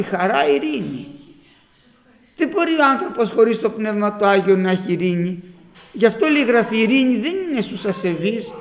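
A man preaching a sermon to his congregation, telling stories and raising his voice to a shout for emphasis. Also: high-pitched, creaky, big-room sound. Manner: storytelling, rising to shouts for emphasis.

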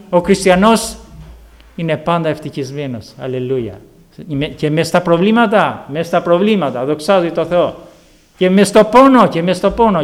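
A male preacher with a slightly high voice delivers a fervent sermon, telling his own story to the congregation. He rises to loud, ringing exclamations of praise, then drops into quiet, confiding storytelling. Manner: fervent, repeated hallelujahs and calls to the congregation. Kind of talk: sermon with personal testimony.

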